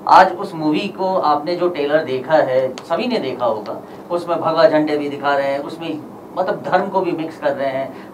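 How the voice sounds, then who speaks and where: Man at a press conference, forceful, lots of rhetorical questions, far from the mic, a bit of background noise. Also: high voice.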